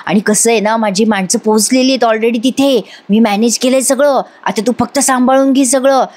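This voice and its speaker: A woman voicing a scheming older man who plots slowly and quietly in a TV serial recap. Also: on the high side, steady tone, natural voice. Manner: hushed, slow, conspiratorial. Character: scheming older man plotting in hushed tones.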